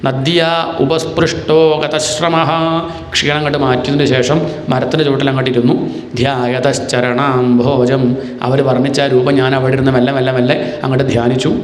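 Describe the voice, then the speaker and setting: Male discourse speaker, storyteller, chants verses slowly, roomy hall reverb. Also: mid-range voice, flat delivery.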